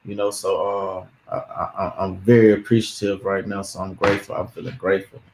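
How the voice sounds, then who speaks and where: A man's voice: sits low, level tone, fairly quick, vocal fry, reverberant, background noise. A man hosting a live-stream interview show, rambling, repeating his words and hyping up his audience.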